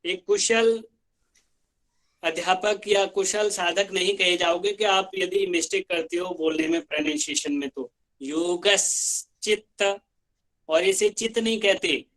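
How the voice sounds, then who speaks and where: A male yoga teacher in an online class, chanting Sanskrit sutras line by line with careful, drawn-out pronunciation for students to repeat, heard over a video call. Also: high voice, fairly bright tone.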